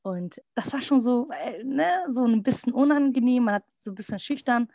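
Young woman, podcast guest, slightly high voice, dry close sound, chatty storytelling with quoted asides. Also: normal speed, no room sound. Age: young adult. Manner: lively, quotes others in little acted asides. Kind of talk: casual storytelling.

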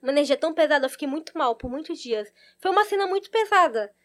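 A woman tells a wild personal story in a casual chat. Her voice sits high and she talks quickly. She acts out the lines of the people she describes. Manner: animated, acts out quoted lines.

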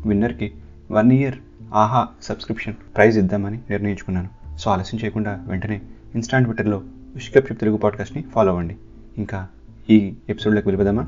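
A man hosting a podcast, narrating his own story in the first person with earnest, vivid telling. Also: on the low side. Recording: slightly dull, soft guitar behind.

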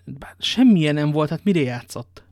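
A man's voice: a little high, expressive, a little mellow, dry recording, studio quality. A man reading an audiobook and voicing D'Artagnan, a hot-headed young musketeer, with an agitated, exclaiming manner.

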